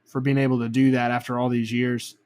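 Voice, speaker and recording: A man's voice: mid-range voice, little pitch movement, brisk, a little mellow. A man co-hosting a casual podcast in a small room, teasing and rambling. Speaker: podcast co-host.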